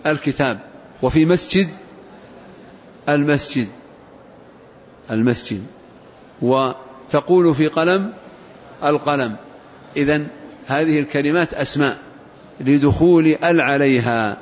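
A man teaching a grammar lesson to a class, asking questions and repeating key words slowly for emphasis. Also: fairly high pitch. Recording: muffled recording with faint hiss.

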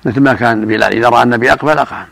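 An older man, a religious scholar, answering questions in a measured, explanatory way. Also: medium pitch, vocal fry, fairly bright tone, dry recording. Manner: measured, explanatory, chants call-to-prayer examples.

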